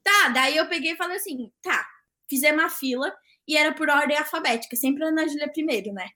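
A young woman, a podcast guest, telling a story in casual chat, animated, acting out the dialogue and laughing often. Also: sits high, a little fast.

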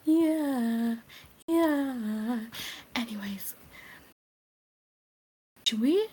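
A young woman co-hosts a loose chat over an online voice call. Her voice sits a bit high and she talks unhurried and slow. She is crude and joking, swearing freely as she goes. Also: warm tone, husky. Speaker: podcast co-host. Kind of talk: casual chat.

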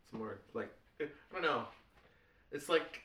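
A man's voice: mid-range voice, lively intonation, a little slow, a bit bright, recorded from a distance, slight background noise. Male podcast co-host, casual and rambling, set back from the mic in a roomy space. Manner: rambling, hesitant, trails off. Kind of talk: casual chat.

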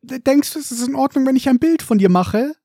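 A man voicing an eager, breathless small schoolboy fan with a piping high voice. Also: animated, a little fast, dark tone, no room sound, clean studio sound, heavily acted. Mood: hopeful.

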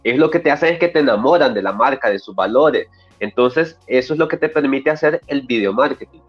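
A man's voice: mid-range voice, expressive, a little fast. Man, dull lo-fi sound. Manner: conversational, reads viewer comments aloud. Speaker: co-host. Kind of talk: casual podcast talk. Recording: dull lo-fi sound with faint music.

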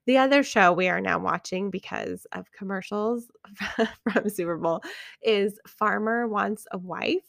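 Chatty woman with a gravelly edge. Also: mid-range voice, measured pace, a bit bright, no echo, studio quality. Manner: chatty, many fillers and restarts. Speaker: podcast host. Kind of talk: casual podcast recommendations.

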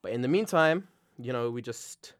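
A man's voice: medium pitch, expressive, moderate pace, studio quality. A young man with a London accent and slangy roadman talk, hosting with casual banter, hype and freestyle. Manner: slangy London roadman talk, hyping and echoing the other speaker. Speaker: podcast host. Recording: loud hip hop beat behind. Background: loud hip hop music.

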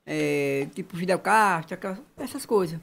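A man's voice: sits high, normal speed, vocal fry, fairly bright tone. A man gives his opinions in loose, casual talk. He is emphatic, often saying the same phrase again to drive it home.

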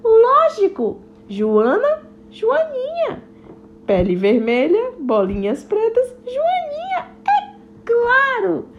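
A woman's voice: extremely high pitch, wildly swooping pitch, slow, lo-fi sound, a little hiss or hum, pitched above the performer's own voice, heavily acted. A woman voicing a clever young male bee who grows suspicious and questions and teases the others. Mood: triumphant. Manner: questioning, teasing, triumphant.

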